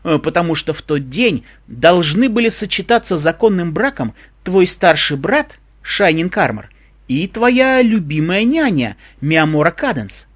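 A man's voice: sits high, sing-song, measured pace, exaggerated voice. A man voicing a witty male ship computer in an audiobook reading, with a joking storyteller's manner. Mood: playful.

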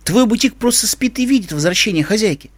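A man voicing an earnest, warm young female unicorn in a story reading. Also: high-pitched, animated, fast talker, no echo, pitched above the performer's own voice.

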